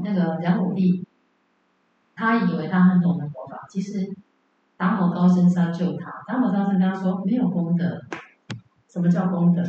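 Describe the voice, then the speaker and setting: A woman's voice: on the low side, mellow, a little hiss or hum. A woman teaching Buddhism in a lecture hall, telling stories and asking the audience rhetorical questions. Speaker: dharma teacher. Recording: dull, echoey, from far off.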